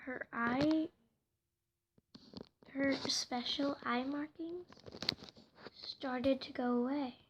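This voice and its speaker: A woman telling a home-made story casually, hesitant and soft, often slipping into whispers, with faint noise behind her. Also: sits high, fairly even intonation, drawn-out words, pauses often, muffled recording.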